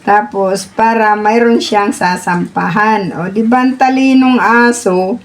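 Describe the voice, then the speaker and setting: A woman's voice: medium pitch, a little slow. A woman filming her dog at home on a phone, talking to it in a coaxing, questioning sing-song and explaining to the viewer. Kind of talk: casual talk to a pet and camera. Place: home indoors.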